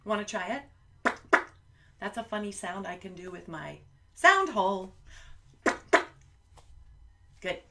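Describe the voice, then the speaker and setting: Slow, gentle woman singing for kids. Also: mid-range voice, animated, a little hiss or hum. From United States. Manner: gentle, playful, talks to kids at home. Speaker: children's musician. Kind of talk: live-streamed children's sing-along.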